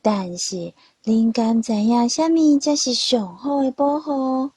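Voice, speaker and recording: A woman's voice: fairly high pitch, slow, dark tone, husky, dry recording, clean studio sound. A woman voicing an outspoken young male leopard cat in a storybook tale, earnest and pleading. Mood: earnest speech. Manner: earnest, pleading, speech-making.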